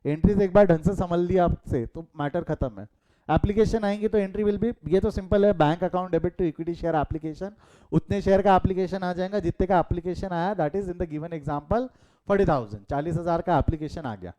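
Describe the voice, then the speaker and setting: In a live online class, a middle-aged commerce teacher with an Indian accent speaks at normal speed in a mellow voice set a bit high. He code-switches between Hindi and English, puts questions to his students and rambles into casual anecdotes. The sound comes from a close call mic.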